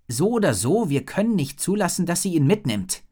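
A man reading a storybook and voicing a bold, determined girl who rides a dragon and shouts orders. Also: on the high side, very animated, fairly quick, slightly rough, pitched above the performer's own voice. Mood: urgent.

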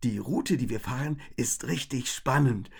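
A man voicing a cheerful, excitable boy in a storybook reading, bubbly and eager. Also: mid-range voice, measured pace, creaky, breathy edge.

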